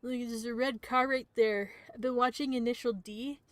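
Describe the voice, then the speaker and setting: High-voiced woman reading a game aloud. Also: fairly even intonation, moderate pace, no room sound. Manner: reads narration aloud, breaks off for playful asides. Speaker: streamer. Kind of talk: reading a visual novel aloud on stream.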